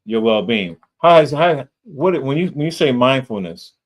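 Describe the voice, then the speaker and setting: During a podcast interview, the host, a man of medium pitch with lively intonation and normal speed, asks loose, meandering questions studded with fillers.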